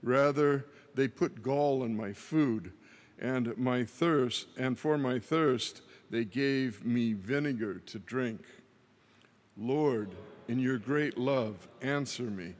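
Very slow man with cathedral echo. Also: mid-range voice. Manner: measured, deliberate phrasing with long pauses. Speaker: lector reading the psalm. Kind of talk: slow solemn liturgical reading. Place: large church. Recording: long cathedral reverb.

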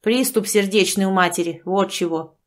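A gruff, accusing brother, as the woman reading puts him on, blunt and reproachful on the phone with his sister. The voice sits a little higher and louder than the narration. An audiobook figure. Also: normal speed, lightly acted. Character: grumpy adult brother, reproachful and evasive.

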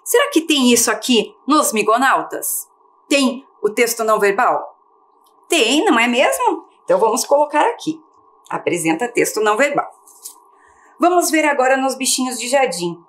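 A woman's voice: fairly high pitch, very animated, normal speed, fairly bright tone. A woman teaching a televised primary-school lesson in Brazilian Portuguese, patiently asking questions and answering them herself. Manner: patient, asks and answers her own questions.

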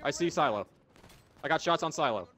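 A man in excited team voice chat during an online match, barking rapid repeated callouts and urgent commands. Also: on the high side. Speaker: team shot-caller.

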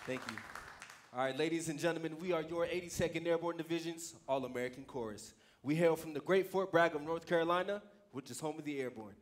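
A man's voice: fairly high pitch, fast talker, some chatter behind, a little hiss or hum. A young man leading a military chorus on a theater stage, projecting drill calls and formal announcements in a commanding manner. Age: young adult. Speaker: military chorus leader calling commands and cadences. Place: theater stage in a large auditorium.

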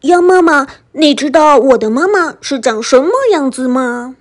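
A woman voicing a group of eager little tadpoles in a storybook, calling out in a bright, squealy, childlike way. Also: high-pitched, lively intonation, normal speed. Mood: polite asking.

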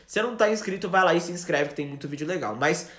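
Brazilian male English teacher, chatty live-stream voice, slightly high, roomy echo. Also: fairly bright tone. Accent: Brazilian Portuguese. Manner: chatty, switches into slow English examples.

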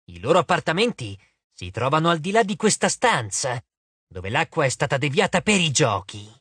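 A man voicing an ancient, bitter female water nymph who speaks slowly and menacingly in an audiobook. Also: a little high, sing-song, fairly bright tone, slightly rough, dry recording, full character voice. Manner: slow, menacing, honeyed. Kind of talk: audiobook character voice. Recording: dry close studio sound.

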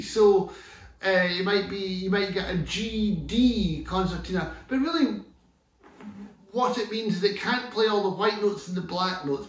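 A Scottish concertina teacher in his fifties sits on a sofa in his living room, giving a relaxed tutorial on the instrument. He's chatty and enthusiastic, often restarting sentences, with a high, fairly bright voice. He's picked up from far off in an echoey room.

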